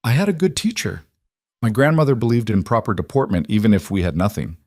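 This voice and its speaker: A man's voice: lowish voice, no room sound, studio quality. A man doing Kaya, a poised guarded young woman. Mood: even. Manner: calm, poised, measured. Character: sharp, guarded young woman posing as a companion.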